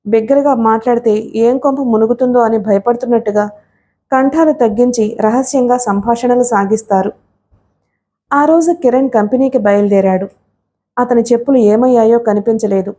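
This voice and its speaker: A woman with a Telugu accent reads a family novel for an audiobook. Her voice sits a little high and sounds warm and mellow. She acts out the characters' lines, dropping lower and softer for the men. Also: moderate pace. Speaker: audiobook narrator. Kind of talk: dramatic storybook reading with character dialogue.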